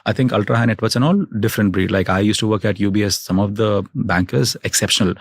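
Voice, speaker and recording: A man's voice: lowish voice, fast, no echo. A man as an interview guest, giving thoughtful conversational answers and often tagging "right?" and "you know". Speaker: guest, fintech executive.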